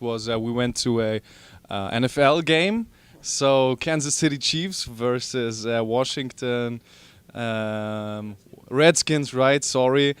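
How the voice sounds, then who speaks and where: Young German musician with a smooth voice. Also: male voice, medium pitch, dry recording. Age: young adult. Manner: hesitant, searching for words, many uhs and restarts. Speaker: bassist. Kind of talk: casual interview.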